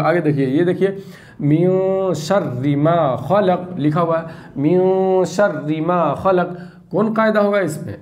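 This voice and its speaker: A middle-aged man teaching Quran reading, patiently repeating rules and drawing out spelled syllables. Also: on the high side. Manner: patient, repetitive, drawn-out syllables. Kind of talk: spelling-out lesson.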